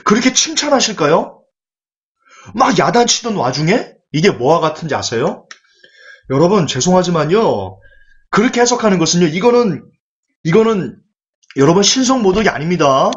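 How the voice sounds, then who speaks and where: Man preaching, animated and rhetorical, fairly high voice, lively pitch, dull lo-fi recording. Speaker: pastor. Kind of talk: sermon.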